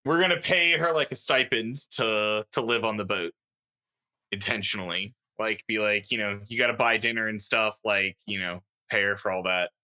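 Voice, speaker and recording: A man's voice: lowish voice, moderate pace, bright, forceful tone. A man playing in a tabletop game, talking loosely and thinking aloud. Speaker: player. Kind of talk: casual chat at a tabletop game.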